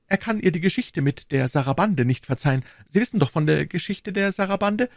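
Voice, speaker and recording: Man voicing a courteous, rambling married man, raised voice, lively lilt, dry close sound. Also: a little high, brisk, gravelly, no room sound, voice pushed up. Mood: confiding. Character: chatty, deferential married man, eager to confide.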